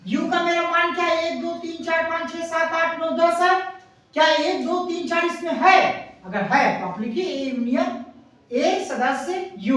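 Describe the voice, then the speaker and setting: A woman teaching an exam-prep maths lesson at a board. She explains step by step, repeats herself and counts numbers aloud slowly. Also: high voice. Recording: echoey room, voice far from mic.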